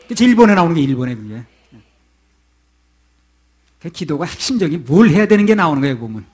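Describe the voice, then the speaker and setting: A man's voice: on the high side, big pitch swings, fast, a little mellow, slightly rough. A male pastor preaching a sermon to his congregation in a conversational way, often asking them questions.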